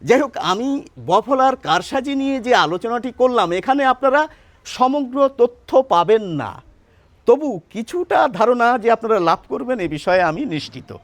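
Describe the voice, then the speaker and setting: A man teaching a pronunciation lesson, his voice high and full of rises and falls. He explains patiently and keeps asking questions that he answers himself. The recording is dry and close, with no room sound. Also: animated, moderate pace, no echo. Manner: asks rhetorical questions and answers them.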